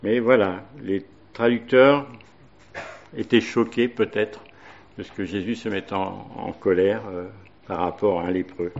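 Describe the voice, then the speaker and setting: A man's voice: on the low side, steady tone, a little slow, gravelly, lo-fi sound, a little hiss or hum. A man preaching a sermon, hesitating often with fillers and reading Bible verses aloud.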